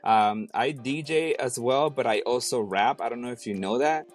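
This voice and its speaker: A man's voice: medium pitch, normal speed, faint music behind. A man in his thirties from Mexico City, a DJ and rapper talking casually as an interview guest, with many fillers and restarts.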